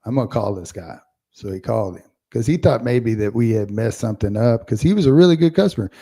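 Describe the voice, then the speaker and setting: A man with a dark, mellow voice, talking loosely in a relaxed podcast chat. He rambles through his stories, full of slang and easy asides. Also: medium pitch, fast, gravelly, slightly rough. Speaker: podcast co-host. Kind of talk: casual chat.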